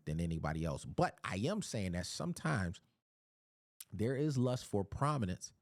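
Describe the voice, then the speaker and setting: A man's voice: fairly low pitch, a little mellow, no room sound, studio quality. A man from Philadelphia giving a casual Bible teaching, often repeating words as he searches for his phrasing.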